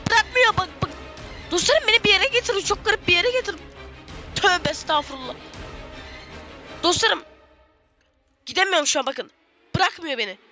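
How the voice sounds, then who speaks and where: A young gaming streamer, giving frantic, excited commentary in a squeaky, shrill voice and repeating phrases over and over. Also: moderate pace, pauses often, faint music behind.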